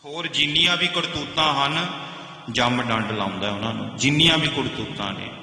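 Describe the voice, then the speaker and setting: A man teaching a scripture line by line, chanting each verse slowly and then explaining it in plain speech, stopping to correct how words are pronounced. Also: medium pitch, pushed and bright. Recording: echoey, reverberant room.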